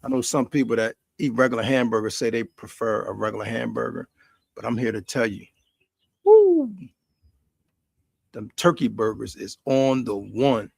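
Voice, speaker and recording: A man's voice: mid-range voice, fairly even intonation, brisk, vocal fry, dry recording, clean studio sound. An American man hosting a casual, rambling live stream from his backyard grill, folksy and repeating his phrases for emphasis. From United States. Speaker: host of a cooking and chat stream. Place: outdoors in a quiet backyard.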